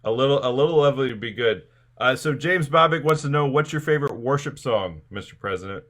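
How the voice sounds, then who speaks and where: A live-stream show host runs a casual comic interview, playing along and passing on questions from viewers in the chat. His mid-range male voice is expressive, quick and slightly bright.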